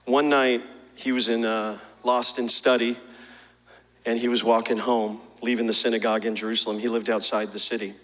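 A man's voice: mid-range voice, level tone, moderate pace, fairly bright tone, long reverb tail. A male pastor preaching a sermon, telling a story and then pressing the congregation with repeated questions.

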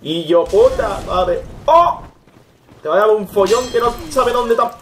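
A young man gives excitable Let's Play commentary, swearing and yelping at the game. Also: high-pitched, unhurried, a little hiss or hum. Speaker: gaming YouTuber.

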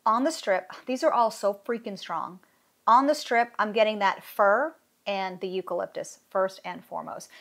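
A woman in her thirties chats excitedly at a close desk camera in a small craft room. Her talk gushes and trails through plenty of "like"s as she reacts. Her voice sits at an ordinary middle pitch. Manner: excited, gushing, chatty with many "like"s. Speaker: candle maker reviewing fragrance oils. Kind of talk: casual product review. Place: indoor craft room with pegboard wall.

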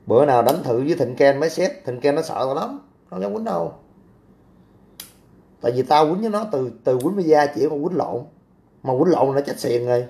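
Brash livestreamer, dark voice. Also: male voice, mid-range voice, vocal fry. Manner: brash, crude, blocks commenters. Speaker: livestream host. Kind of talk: casual livestream chat reading comments.

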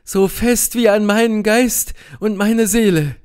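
A man's voice: high-pitched, steady tone, measured pace, a little mellow, smooth, pitched above the performer's own voice. A man voicing a passionate young noblewoman, fiery and grieving, in an audiobook reading with impassioned outbursts. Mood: indignant.

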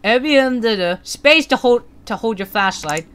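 Excitable let's-play commentator, lively pitch. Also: moderate pace, smooth. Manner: excitable, rambling, frequent fillers. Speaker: gaming channel host.

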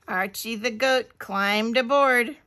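Woman reading a picture book aloud, very slow, bright tone, lively pitch. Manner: slow, expressive storytelling. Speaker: librarian.

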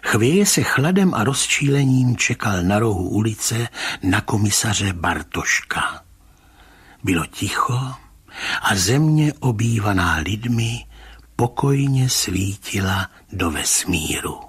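A man calmly narrating a short story in a measured reading voice. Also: lowish voice, breathy edge.

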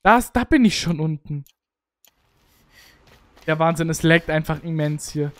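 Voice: medium pitch, lively intonation, unhurried. A gaming video creator giving casual let's play commentary, exclaiming and complaining aloud as they play.

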